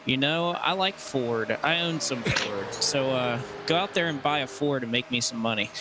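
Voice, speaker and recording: A man co-commentating a sim race, joking around and calling contact excitedly. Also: medium pitch, moderate pace, very noisy.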